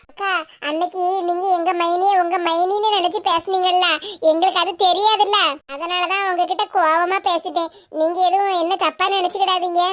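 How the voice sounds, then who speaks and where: A woman's voice: extremely high pitch, a bit bright. A woman voicing several chatty village women of one family in a cartoon, speaking with a Kanyakumari accent. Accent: Kanyakumari Tamil. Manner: friendly, gossipy.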